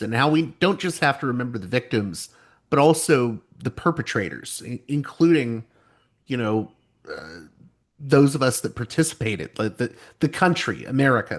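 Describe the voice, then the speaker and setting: A man hosting a podcast, asking a long question with searching, hesitant phrasing. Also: mid-range voice. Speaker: podcast host. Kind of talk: interview question.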